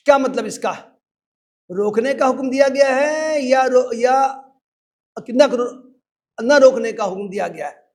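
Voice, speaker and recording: An older man with an Indian Urdu accent giving a measured, explanatory lecture and reading example sentences aloud. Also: extremely high pitch, a little mellow. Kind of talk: formal lecture.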